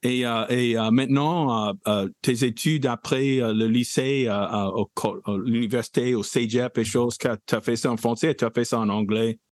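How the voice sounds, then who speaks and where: A man hosting an interview, asking measured questions that he often tags with "n'est-ce pas". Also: mid-range voice, fairly even intonation, darkish tone, no room sound, clean studio sound. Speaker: radio host.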